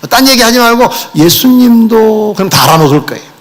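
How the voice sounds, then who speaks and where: A man preaching a sermon as pastor, animated and addressing the congregation with rhetorical questions. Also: very high-pitched, rapid-fire.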